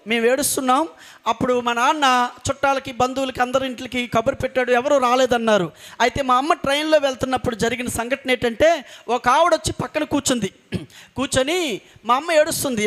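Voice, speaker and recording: Male preacher with a very high pitch, giving an earnest testimony with repeated emphatic lines. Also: fairly quick, fairly bright tone. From coastal Andhra Pradesh, India. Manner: earnest storytelling with emphatic repetition. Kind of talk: sermon testimony.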